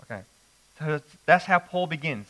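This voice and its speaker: A man preaching an expository sermon, slow and emphatic with dramatic pauses. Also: fairly high pitch, expressive, bright, forceful tone, rough recording.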